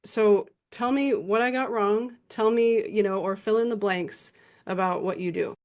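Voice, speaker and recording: A woman's voice: medium pitch, fairly even intonation, measured pace. Female podcast host, friendly interviewer, conversational delivery. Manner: friendly, conversational, asks open questions. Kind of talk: casual interview.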